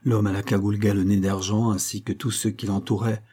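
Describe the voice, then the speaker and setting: A male audiobook narrator who tells the story in a measured, dramatic way. His voice is low and husky, with a dark, mellow tone. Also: little pitch movement. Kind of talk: scripted narration.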